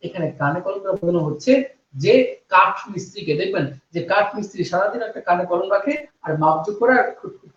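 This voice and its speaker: A young man leads an exam-prep grammar lesson, repeating rules and throwing questions at his listeners. His voice sits high. The sound is dull and roomy, as if the mic stands some way off. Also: distant mic. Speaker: Bengali grammar teacher.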